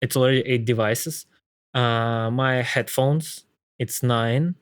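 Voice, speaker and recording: A man's voice: mid-range voice, fairly even intonation, smooth, no room sound. Man with a thick Slavic accent, thinking aloud. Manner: halting, thinking aloud with frequent repetitions. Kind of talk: casual tech discussion.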